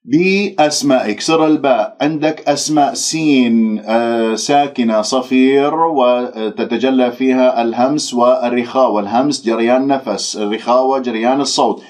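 A male recitation teacher who corrects pronunciation, drawing out single syllables slowly and then explaining the rules briskly. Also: medium pitch, darkish tone. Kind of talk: pronunciation lesson. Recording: dull lo-fi recording.

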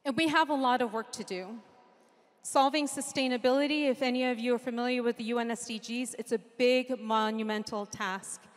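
Speaking quickly into a handheld microphone, this keynote speaker, a middle-aged woman from Japan, addresses a conference crowd from a large stage. Her pitch is fairly high and her intonation mostly even. She's sincere yet lightly funny, rattling off ideas in rhythmic sequences, while long reverb fills the hall.

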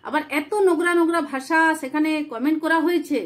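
A woman's voice: high-pitched, steady tone. A woman vlogging in earnest, casual chat to camera from a room at home, with a cold and a sore throat. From West Bengal, India. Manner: chatty, earnest, talks fast.

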